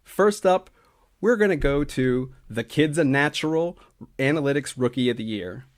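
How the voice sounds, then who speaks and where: A man reading a scripted awards segment as a regular on a hockey analytics show, in a steady, stat-heavy delivery with small slips and restarts. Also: medium pitch, normal speed.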